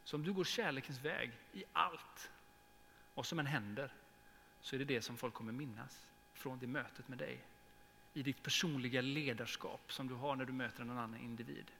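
Earnest pastor in a reverberant hall. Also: male voice, mid-range voice, creaky. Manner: earnest, with emotional swells and soft prayerful drops. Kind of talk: sermon with prayer. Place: church hall. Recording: long reverb in a church hall, faint hum.

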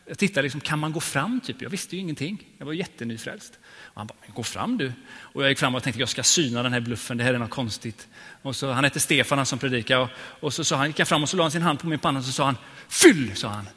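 A man preaching a sermon, telling personal stories and moving between hushed and emphatic delivery. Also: on the high side. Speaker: pastor. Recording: long hall reverb.

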